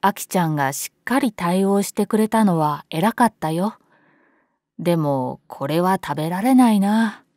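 A woman voicing a cautious, sleepy father in a story reading, plain and gently firm. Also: on the low side, expressive, moderate pace, no echo, studio quality. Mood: wary, gentle. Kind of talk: acted storytelling.

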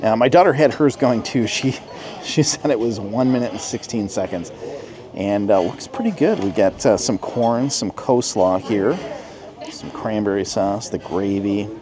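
A man's voice: fairly low pitch, normal speed, crowd noise. A man in his forties filming a casual vlog on a handheld phone, chatty and upbeat as he talks to his viewers. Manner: upbeat, chatty, tells the viewers what he sees. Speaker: travel and food vlogger. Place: outside a restaurant at night, then inside a diner. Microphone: handheld phone camera at arm's length.

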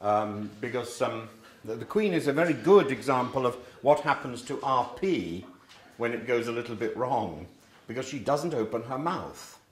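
A man's voice: mid-range voice, lively intonation, moderate pace. An older English man teaching a class, rambling through his points with many ums and restarts in an echoey classroom with faint hiss. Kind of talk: informal classroom talk.

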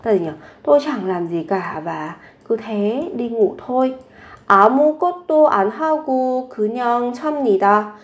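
A woman's voice: fairly high pitch, animated, a little fast. A woman teaching a language lesson, repeating each phrase three times and then explaining it, often posing rhetorical questions to her listeners.

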